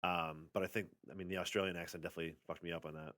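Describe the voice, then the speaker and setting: Give me a man on a comedy podcast with a very deep voice, talking fast and tossing off crude jokes. The sound is dry and close. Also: little pitch movement, a bit bright, dry recording. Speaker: podcast co-host. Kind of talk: casual comedic chat.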